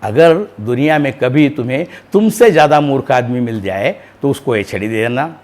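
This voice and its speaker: A man voicing a dying old king who answers quietly and with resignation in a told story. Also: expressive, moderate pace, lightly acted. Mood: teasing. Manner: low, subdued replies.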